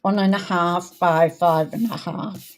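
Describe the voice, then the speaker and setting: A woman's voice: lowish voice, steady tone. A woman hosting a live card-making demonstration, chatting as she works, her voice a little crackly. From outside America. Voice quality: slightly crackly voice. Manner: chatty, unhurried, talks while working. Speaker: crafting host.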